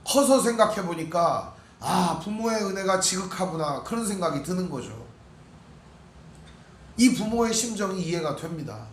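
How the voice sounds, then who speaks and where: A man's voice: sits high, expressive, normal speed, echoey room, slight background noise. A middle-aged male pastor preaching an expository sermon. He asks the congregation questions and acts out the pleas of biblical figures in his own voice. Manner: acts out biblical speakers in quoted voices, shouting their pleas. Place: church sanctuary.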